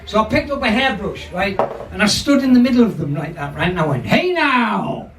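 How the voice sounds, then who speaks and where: A man's voice: high-pitched, fast talker, noisy background. An older man from England, compering a pub comedy night with sweary, rambling crowd work and frequent laughs at his own jokes. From North East England. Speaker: comedy club MC. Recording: distant mic, lively crowd.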